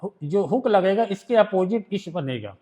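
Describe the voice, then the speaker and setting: Indian man, shorthand teacher, fairly high voice, reads rules out slowly, then explains them patiently. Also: expressive, dark tone. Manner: explains step by step, often checks if students understood. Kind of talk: classroom lesson.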